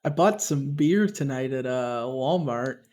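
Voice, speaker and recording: A man in his twenties, a podcast co-host, telling an anecdote in a deadpan way in casual chat. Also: medium pitch, a little slow.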